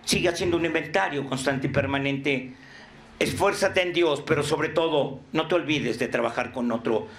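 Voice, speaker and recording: A middle-aged man with a Mexican accent giving an impassioned, profanity-laced motivational talk at a recovery group, bursting into shouts. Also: on the high side, moderate pace. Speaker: speaker at a recovery group program.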